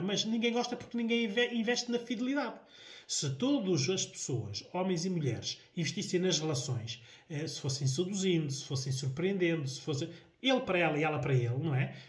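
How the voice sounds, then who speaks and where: A man with a European Portuguese accent giving a solo talk on relationships, often hesitating, repeating words and asking "não é?". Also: sits high. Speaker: host. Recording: echoey room.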